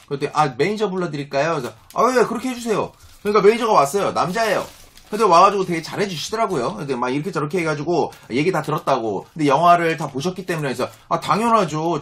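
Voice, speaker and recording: A man's voice: a little high, fairly bright tone, slightly rough. A man in his thirties telling viewers an angry story and acting out both sides of the exchange. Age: 30s. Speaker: vlogger.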